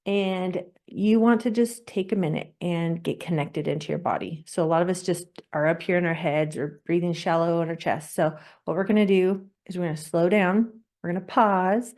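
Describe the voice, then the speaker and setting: A woman with a slightly low voice hosts a podcast and walks listeners through a guided breathing exercise. She talks gently, slows down to guide, and laughs often. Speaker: podcast host.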